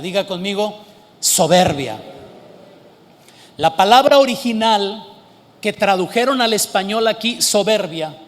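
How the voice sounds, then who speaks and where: A man preaching a sermon as pastor, slowing down to stress words and at times rising to emphatic shouts. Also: high voice, big-room sound.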